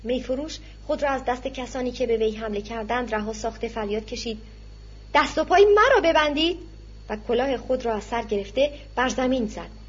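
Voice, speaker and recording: A woman narrating a novel as an audiobook in a steady, measured reading voice. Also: fairly high pitch, breathy edge, highs cut off. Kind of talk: scripted narration.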